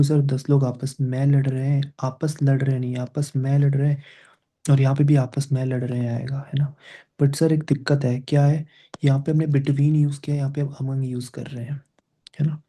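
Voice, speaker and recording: A man teaching a class, with a very dark, warm, mellow voice at an ordinary pitch. He walks through grammar points step by step, switching between Hindi and English phrases. He keeps turning to his students with quick checking questions.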